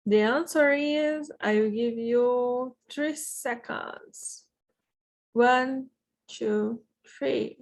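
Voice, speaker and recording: A woman's voice: a little high, drawn-out words, vocal fry. A Brazilian woman teaching Portuguese vocabulary in English with a Brazilian accent, patiently saying each word twice before translating it. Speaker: language teacher. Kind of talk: slow language lesson with repetition drills.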